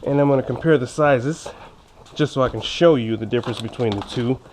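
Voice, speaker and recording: A man with braces talks at an average pitch, fairly quickly and a little mellow, his speech slightly impeded by them. He's a motorcycle vlogger doing a casual unboxing review of gear, chatty and informal, with jokey, self-teasing asides. Background noise with clicks is clearly audible.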